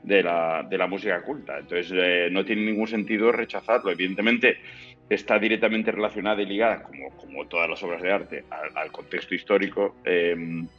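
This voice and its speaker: A low-voiced Spanish man, an opera and zarzuela baritone, speaks as a guest in an interview with a steady tone. He explains things thoughtfully and carefully, pausing as he searches for the right words. The recording is muffled and lo-fi, with faint music in the background.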